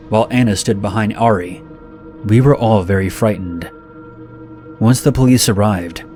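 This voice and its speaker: A man narrating a scripted horror story in a steady, measured reading. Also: on the low side.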